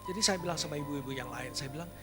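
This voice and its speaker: A man with a notably high voice preaching to a congregation, moving from quiet storytelling to loud, emphatic calls. He drops English phrases into his sermon. Instrumental music plays clearly underneath him. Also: racing. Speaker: pastor. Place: church service.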